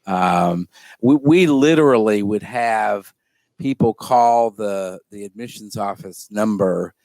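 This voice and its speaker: Low-voiced man recalling admissions stories. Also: slow pace, dry recording. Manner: relaxed storytelling with fillers, clears throat. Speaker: former admissions director. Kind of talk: casual chat.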